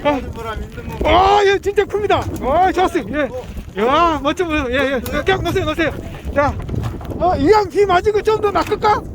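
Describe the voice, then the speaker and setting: A man's voice: very high voice, animated, normal speed, crowd noise. A middle-aged man chatting casually and coaching with short, repeated exclamations, outdoors in bad weather. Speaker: fishing guide and pension host. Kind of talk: casual chat while coaching guests at fishing. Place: outdoors by the sea in rain and wind. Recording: loud wind and rain on microphone.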